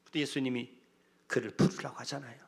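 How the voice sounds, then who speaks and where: A man's voice: medium pitch, little pitch movement, fast talker, vocal fry, breathy edge. A male pastor preaching a Sunday sermon with passion, acting out the cries of the people in the story. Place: church sanctuary.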